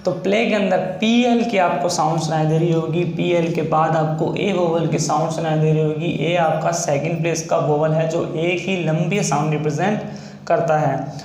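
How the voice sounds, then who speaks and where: A man teaching a shorthand lesson, slowly and patiently spelling out each sound step by step. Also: fairly high pitch, fairly even intonation, a little mellow. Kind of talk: classroom-style lesson. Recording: echoey room with faint ambient noise.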